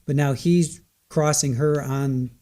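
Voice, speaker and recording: Mellow, high-pitched man reacting live over hiss. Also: steady tone, slow pace. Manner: rambling, self-correcting, exclaiming. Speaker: livestream trial commentator. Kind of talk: casual live reaction commentary. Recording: low hiss under the voice.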